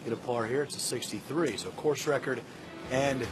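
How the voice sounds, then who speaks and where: A man's voice: mid-range voice, moderate pace, over loud music, poor audio. A man giving live golf commentary. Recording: loud outdoor background noise.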